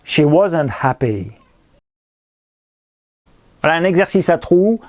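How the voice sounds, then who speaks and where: Slow, patient man teaching English. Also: on the high side, very animated, a little mellow. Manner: patient, clear, repeats pronunciation drills. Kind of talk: recorded language lesson with explanations.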